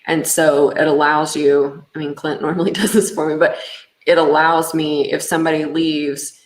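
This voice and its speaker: A woman hosting a casual business webinar, talking conversationally with fillers like um and you know. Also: sits low. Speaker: webinar host and business owner. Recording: echoey room sound.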